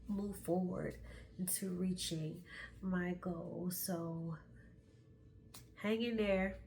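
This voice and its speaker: A woman's voice: medium pitch, a little hiss or hum. A middle-aged woman hosting a motivational podcast, speaking candidly and encouraging her listeners. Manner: encouraging, candid, slow and emphatic. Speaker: podcast host.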